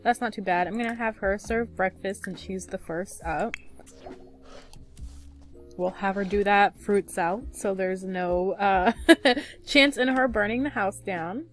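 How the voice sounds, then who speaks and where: A woman's voice: mid-range voice, measured pace, soft background music. Chatty woman narrating gameplay. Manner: chatty, laughs often, frequent fillers. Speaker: let's play gamer. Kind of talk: casual gameplay commentary.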